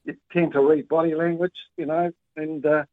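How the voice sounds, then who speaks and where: A New Zealand man rings a talkback show on his phone's speaker, and the line sounds tinny and dry with no echo. His voice sits a little high with little pitch movement, and he talks at a moderate pace. He rambles casually, full of ums and restarts.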